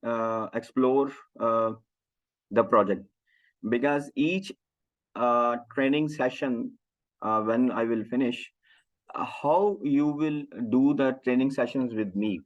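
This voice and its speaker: A man giving informal software training, speaking in a halting, hesitant way with phrasing. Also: mid-range voice. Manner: halting, hesitant non-native English phrasing. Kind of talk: informal online training session. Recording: dull, lo-fi online call audio.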